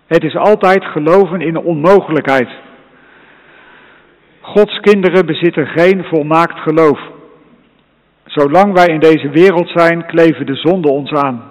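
A man preaching a sermon in a solemn, measured way, repeating his phrases. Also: fairly high pitch. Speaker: pastor. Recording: long reverb, dull lo-fi sound.

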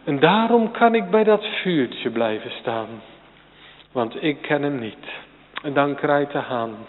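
A slow-speaking male preacher with a fairly high voice delivers a sermon, swinging between hushed passages and sudden loud, emphatic peaks. He addresses the congregation and the children directly. The sound is thin and phone-like, with a long church reverb trailing behind. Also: expressive, a little hiss or hum. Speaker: pastor.

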